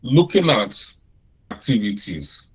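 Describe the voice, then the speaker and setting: A man with a Nigerian accent gives an informal classroom lecture at an unhurried pace, frequently repeating and restarting phrases. His voice is lowish with a breathy edge, and he's very animated.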